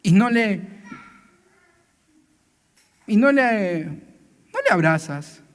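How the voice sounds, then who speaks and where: Man, high voice, church sermon, conversational, acts out dialogues, long hall reverb. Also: animated, very slow. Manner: conversational preaching, frequent tag questions, acts out dialogues. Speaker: church speaker.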